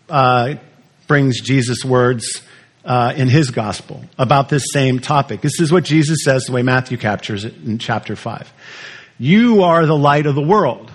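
A man's voice: medium pitch, breathy edge. A male pastor preaching a sermon in a conversational way, asking the congregation questions.

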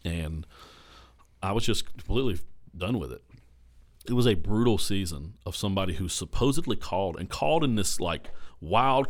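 A man, a pastor hosting a podcast, telling a personal story in a candid, animated way and repeating phrases for emphasis. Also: low voice, dry recording, clean studio sound. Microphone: podcast microphone.

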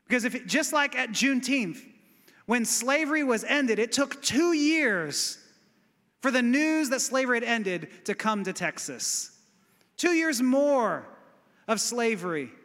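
A male pastor giving an animated, conversational sermon in a church that builds to exclamations. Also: high voice. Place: church sanctuary. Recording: long reverb of a church hall.

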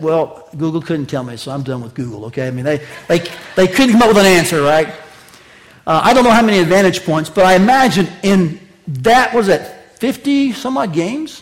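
A pastor preaching a conversational sermon to his congregation, swinging between loud, raised lines and quiet, slow asides, and joking with the listeners. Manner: conversational preaching with wide swings of pitch and loudness; jokes with the congregation.

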